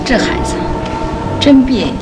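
A woman's voice: high-pitched, animated, moderate pace, roomy sound, over music. An actress playing a practical, no-fuss mother of two teens, giving matter-of-fact instructions, heard from an old VHS tape of a 1980s TV drama. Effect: old VHS tape sound.

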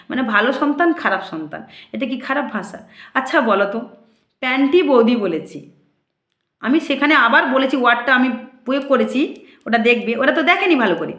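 High-voiced indignant woman in an echoey room. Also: a bit bright. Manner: indignant, rhetorical questions to viewers. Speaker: temple priestess. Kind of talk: casual monologue to viewers.

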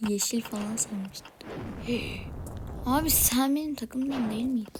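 A woman giving casual commentary while playing a video game, swinging between whispered muttering and excited shrieks. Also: fairly high pitch, unhurried. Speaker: gamer. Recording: noisy home recording.

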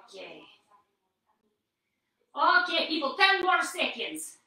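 A woman's voice: very high voice, very animated, slow pace, bright, forceful tone, heavy reverb, recorded from a distance, low-quality recording. A woman leading a live-streamed yoga core workout in a stilted, put-on persona voice, coaxing and encouraging her viewers. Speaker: workout instructor.

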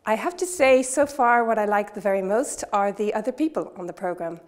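A woman in her thirties gives a calm, articulate testimonial to camera in a classroom. Her pitch sits in a middle range and she weighs her words as she goes. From Ireland. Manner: measured, articulate, reflective. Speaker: course participant. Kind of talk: testimonial interview. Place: classroom by a window.

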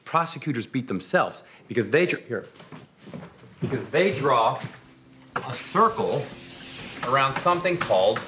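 A man's voice: medium pitch, very animated, measured pace, pauses often, sharp tone, slight background noise. An actor in his forties playing a glib, self-assured lawyer turned college teacher, smug and dryly lecturing in a sitcom. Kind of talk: sitcom acting.

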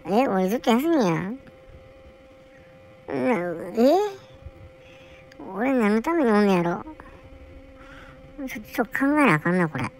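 Polar bear cub played by a woman, young male, bored and whiny, Kansai accent, rambling grumbler, comic character monologue, medium pitch. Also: animated, unhurried, long pauses, darkish tone, slight background noise, rough recording. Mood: bored grumbling.

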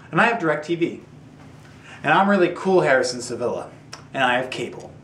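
Deadpan ad customer, young male actor: self-satisfied, distant roomy sound, loud music behind. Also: fairly high pitch, natural voice. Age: young adult. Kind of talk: TV commercial parody to camera.

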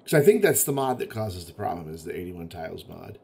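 A man's voice: low-pitched, sing-song, fairly quick, gravelly, warm tone, slight background noise. A man giving casual, chatty commentary while playing a city-building game, thinking aloud and grumbling at the game now and then. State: has the hiccups. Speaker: gaming video host.

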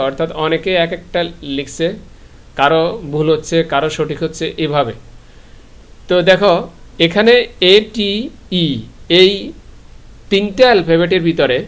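A Bangladeshi man teaching an English grammar lesson on a live stream, who keeps asking a question and answering it himself. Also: on the high side.

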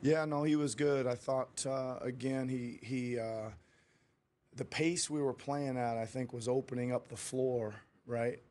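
Candid middle-aged coach at a press conference. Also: male voice, medium pitch, fairly even intonation, unhurried, darkish tone, a little hiss or hum. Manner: candid, rambling, with frequent restarts. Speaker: head coach. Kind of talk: post-game press conference. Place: press room before a sponsor backdrop. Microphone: table mic in front of him.

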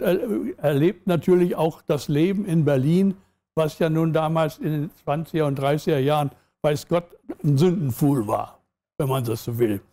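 A man hosting a literature talk show, speaking deliberately with fillers and reading a passage aloud. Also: a little high, warm tone.

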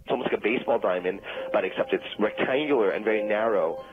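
A lowish, quick-paced male caller rambles insistently as a phone-in guest, working through a long explanation and becoming flustered when he's ignored. It's a comedic phone conversation on a tinny telephone line with faint music behind it.

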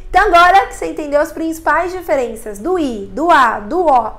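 Chatty high-voiced woman teaching English. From Brazil. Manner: chatty, explains with drawn-out vowel examples. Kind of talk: casual video lesson.

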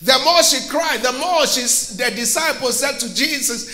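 A man preaching a sermon as a pastor in a church, with impassioned bursts of shouting and call-and-response with his congregation. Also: very high-pitched, normal speed, reverberant.

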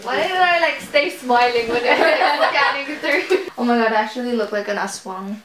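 A woman's voice: on the high side, moderate pace. A young woman chatting at a sleepover, giggly and teasing. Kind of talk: casual chat.

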